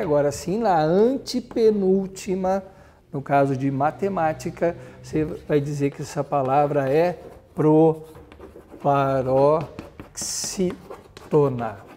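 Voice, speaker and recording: A man's voice: on the high side, mellow. A man with a Brazilian Portuguese accent teaching a grammar lesson, explaining step by step, giving examples and spelling words out.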